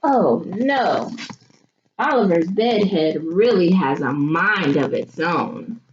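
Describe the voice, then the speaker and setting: An elementary school teacher, a woman with a voice on the low side, reads a children's picture book aloud in an animated, expressive way. She pauses to think aloud and ask the young listeners questions as teaching asides. The audio is muffled, with clear background noise.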